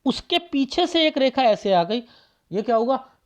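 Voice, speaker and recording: A man's voice: very high-pitched, big pitch swings, a little slow. A man reading a palm aloud for viewers as a palmist, firing off rhetorical questions and repeating phrases for emphasis.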